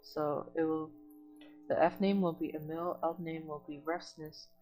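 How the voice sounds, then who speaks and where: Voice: medium pitch, level tone, unhurried, a little mellow, rough recording. Tutor explaining code, mid-range voice, patient step-by-step delivery, faint music behind. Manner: reads documentation aloud, then explains it plainly in own words. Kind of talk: online coding lesson walkthrough.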